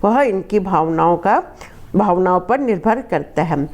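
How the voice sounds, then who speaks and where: A woman's voice: fairly low pitch, animated, a little mellow, lo-fi sound. A woman teacher reading a Hindi text aloud and going over each line again in simpler words for her class. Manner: reads a line, then rephrases it slowly in simple words. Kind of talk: reading and explaining a Hindi lesson.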